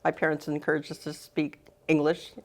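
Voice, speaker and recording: A woman's voice: low-pitched, monotone, fairly quick. A middle-aged woman guest, born in the Philippines and raised in Southern California, chatting casually in an interview, laughing easily and trailing off with "you know". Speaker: guest, fashion design instructor.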